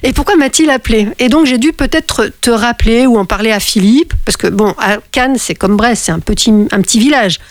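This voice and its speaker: Radio host, middle-aged woman, somewhat high voice, dry studio sound, casual and rambling. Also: brisk, few pauses, dry recording. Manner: chatty, laughing, many restarts. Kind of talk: casual phone conversation on radio.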